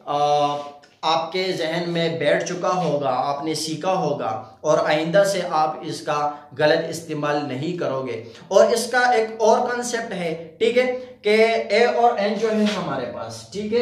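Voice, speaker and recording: High-voiced male teacher in an echoey room. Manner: repeats "theek hai" as a verbal tic, asks the viewer rhetorical questions. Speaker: English teacher. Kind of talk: casual video lesson.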